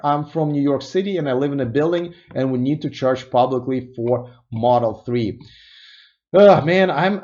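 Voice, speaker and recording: A man's voice: medium pitch, a little mellow, highs cut off. Casual Russian-born man reading viewer comments. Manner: casual and thinking aloud, with many restarts and musing asides. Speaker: host of an electric car news show. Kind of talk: live-stream chat, reading viewer comments.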